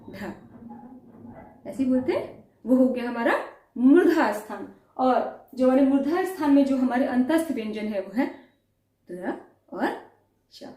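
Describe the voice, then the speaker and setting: A woman's voice: high-pitched, warm tone. A woman teacher giving a pronunciation lesson, sounding out letters one by one and asking the class questions. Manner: demonstrates sounds slowly, asks questions. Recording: echoey room.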